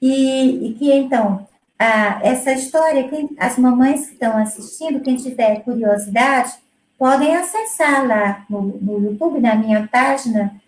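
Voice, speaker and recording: High-voiced woman explaining her music teaching. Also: a little slow, reverberant, low-quality recording. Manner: explanatory, with many fillers and restarts. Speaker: music educator presenting her work. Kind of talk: conversational presentation.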